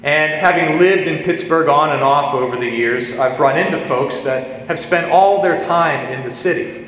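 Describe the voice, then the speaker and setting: A man, preaching a sermon in a folksy storytelling way and slowing down on scripture quotes. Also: a little high, a bit bright. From western Pennsylvania, US. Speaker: pastor. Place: large reverberant church. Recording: echoey church hall, faint hum.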